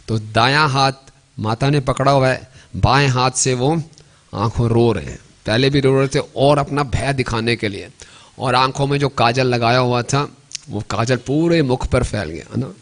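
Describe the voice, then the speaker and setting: A male preacher telling a devotional story in a temple sermon. He often adds tag questions and slowly chants verses. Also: medium pitch.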